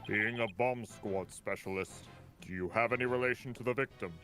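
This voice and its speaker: A man's voice: mid-range voice, sharp tone, soft background music, lightly acted. A man voicing a stern older male judge in a courtroom game, speaking formally. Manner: formal, measured.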